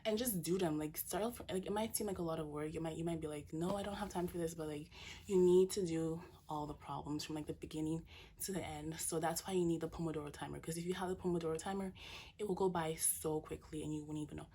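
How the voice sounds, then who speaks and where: A woman's voice: low voice, steady tone, fast, mellow, slight background noise. A young woman, a college student, giving study advice in a chatty vlog full of filler words. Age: young adult.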